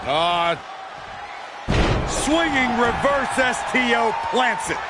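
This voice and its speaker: High-pitched, excitable wrestling commentator. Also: male voice, slow, over loud music, full character voice. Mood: excited, urgent. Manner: emphatic, shouted calls of moves. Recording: loud arena crowd and impact noise.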